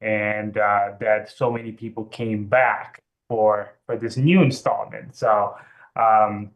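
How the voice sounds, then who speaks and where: A man's voice: fairly low pitch, steady tone, slow pace, poor audio. A young man from Ethiopia, talking as a guest on a video call, hesitant with many fillers. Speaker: guest, anthology editor. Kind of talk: casual video call interview.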